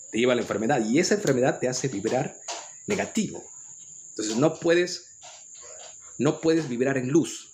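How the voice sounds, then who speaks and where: A man with a Peruvian accent giving an earnest, lecturing spiritual monologue, often restarting his phrases. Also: medium pitch. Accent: Peruvian Spanish. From Peru. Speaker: spiritual commentator.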